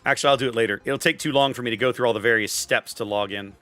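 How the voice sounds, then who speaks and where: Rapid-fire and medium-pitched, a male streamer thinks aloud about his own live gameplay, chatting opinionatedly with viewers. His voice sounds pushed and bright, with no echo, and faint game music plays in the background.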